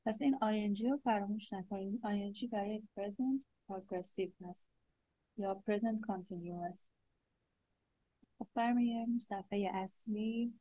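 A woman teaching English grammar, saying each English example slowly and deliberately before explaining it. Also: mid-range voice, warm tone, slight background noise. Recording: dull lo-fi sound.

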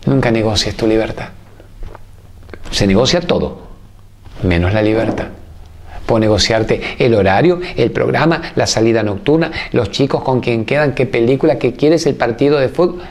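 A man's voice: medium pitch, normal speed. A man with an Argentine accent hosting a show, giving an emphatic, preachy spiritual talk to viewers in strings of repeated phrases. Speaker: host.

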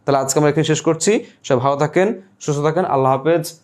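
A man's voice: on the high side, fast, a little mellow. A young man teaching a live online Bengali class, reading out viewer comments and explaining pronunciation step by step with many repeated questions to the class.

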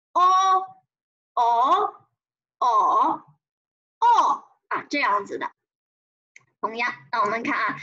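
A woman's voice: high voice, fairly bright tone, husky, muffled recording. Sing-song woman teaching children. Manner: sing-song, drawn-out tone demonstrations; encouraging, prompts children to repeat. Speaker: primary school teacher. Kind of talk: children's pinyin lesson.

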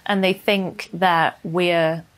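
A woman in her thirties explains things in a documentary interview. Her voice sits a little lower than average. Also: steady tone, slow. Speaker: executive director of a story hour organisation.

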